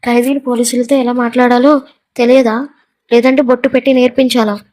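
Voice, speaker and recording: A woman voicing a stern, domineering male police officer who speaks gruffly and gives orders. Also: a little high, little pitch movement, fairly quick, a little mellow, close to an everyday voice. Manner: gruff, commanding.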